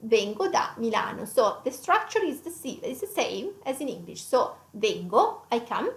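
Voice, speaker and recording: Speaking at a normal pace in a fairly high, sing-song voice, an Italian-accented woman teaches a language lesson in a conversational way. In an echoey room, she repeats each phrase and takes it apart step by step.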